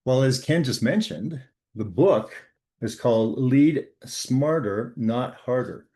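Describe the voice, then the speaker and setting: An older man from Canada, a guest author on leadership, telling a work story in an earnest, measured way with frequent pauses and fillers. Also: medium pitch, expressive, mellow. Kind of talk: storytelling interview talk.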